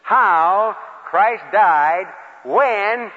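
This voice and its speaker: A man's voice: sits high, extremely slow. A man preaching in a folksy, plain-spoken way, mixing questions to his listeners with personal storytelling in short phrases. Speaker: preacher leading a Bible lesson. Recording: dull, reverberant large-hall recording.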